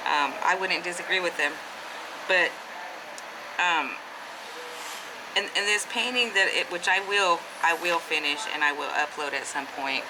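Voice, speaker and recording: A woman's voice: fairly low pitch, a little slow, pauses often, noisy background. A woman in her fifties, an artist vlogger, talks casually into a handheld camera at a neighborhood deli store, hesitant and full of ums and restarts. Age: 50s. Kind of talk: casual vlog monologue.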